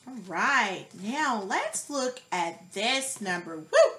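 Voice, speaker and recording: A woman with a bright, highly animated voice teaches a child to count at a very slow, deliberate pace. She is encouraging, like a preschool teacher, with questions and praise. There is some faint background noise.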